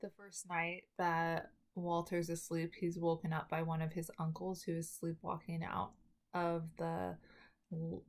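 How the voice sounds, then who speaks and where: A woman talking with new dental braces, giving a halting spoken summary as a student presenter, often correcting herself. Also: on the low side, little pitch movement. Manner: halting, with self-corrections and trailing restarts. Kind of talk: spoken film summary for a class video.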